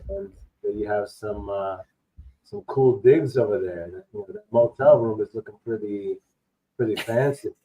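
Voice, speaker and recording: A man's voice: fairly low pitch, normal speed, warm tone, slightly rough. A man co-hosting a live stream in easygoing, joking banter. His voice sounds muffled, as if it comes through a wall. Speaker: co-host. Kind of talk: casual live-stream chat. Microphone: breaking-down computer mic on an online call. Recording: muffled lo-fi failing mic.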